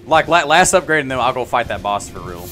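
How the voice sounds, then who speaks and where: A young man streaming a video game, hoarse from yelling all day, chatting to himself in slang and bursting into excited yells. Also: medium pitch, a little fast. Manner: slangy, says bro and dude. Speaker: gaming streamer. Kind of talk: casual live gameplay commentary. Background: game music.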